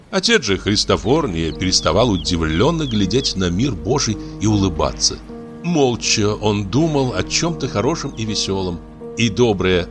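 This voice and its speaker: Deep-voiced male audiobook narrator. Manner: expressive, storytelling. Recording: narration over background music.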